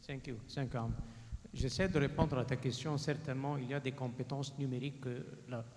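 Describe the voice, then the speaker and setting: A man's voice: medium pitch, steady tone, quick pace, darkish tone. A man moderating a panel and explaining informally to an audience, repeating words as he goes. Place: large conference hall. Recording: reverberant hall with faint background noise.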